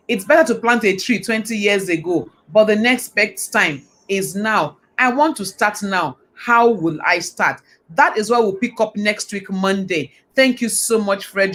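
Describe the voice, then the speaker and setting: A woman's voice: mid-range voice, a bit bright. A woman hosting a live online talk show, enthusiastic and affirming as she sums up and asks questions. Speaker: host.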